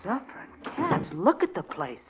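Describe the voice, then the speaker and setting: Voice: medium pitch, huge pitch swings, normal speed, noisy background. A performer playing an eager, slangy youngster, a detective's assistant in an old radio drama. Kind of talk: 1940s radio drama acting. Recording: dull vintage radio recording.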